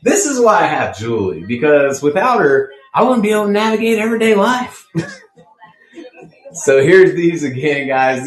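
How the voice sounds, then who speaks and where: A man hosting a casual live sales stream of plants, chatty and playful, laughing often and jumping up high when excited. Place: indoor room with plants. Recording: echoey room.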